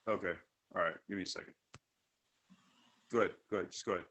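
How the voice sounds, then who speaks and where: A man's voice: low-pitched, steady tone, fast, fairly bright tone. A man talking casually over a remote call line that keeps breaking up and sounds scratchy, apologizing while he fixes his microphone. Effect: remote call audio, scratchy and breaking up. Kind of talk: casual chat.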